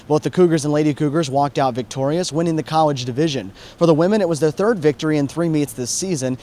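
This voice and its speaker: Fast-talking man reading sports news. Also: on the high side, a little mellow. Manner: brisk, upbeat announcer delivery. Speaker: sports show host. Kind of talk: scripted sports news and interviews.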